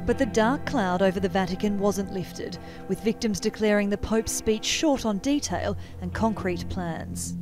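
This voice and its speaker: A woman reporter reading a scripted news voice-over with a measured, even delivery. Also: medium pitch. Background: music bed.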